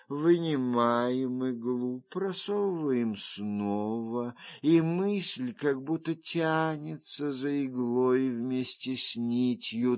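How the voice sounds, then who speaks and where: A man's voice: a little mellow, dry recording, studio quality. A man voicing a sad, weary noblewoman. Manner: low, slow, tired murmur. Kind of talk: audiobook character reading.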